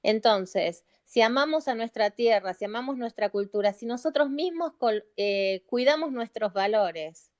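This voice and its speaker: A middle-aged woman from Argentina speaks with an Argentine Spanish accent in a somewhat high, smooth and clear voice. She pleads earnestly with her listeners and repeats phrases to press her point home. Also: animated, a little slow, a little mellow. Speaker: psychologist speaking as a caller in a live audio chat. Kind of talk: heartfelt appeal to listeners. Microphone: phone or computer mic in a live audio room.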